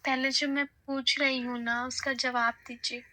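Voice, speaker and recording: A woman's voice: sits high, little pitch movement, a little slow, noisy background. A woman's voice run through a voice changer, coaxing and flirty on a prank phone call. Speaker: prank caller.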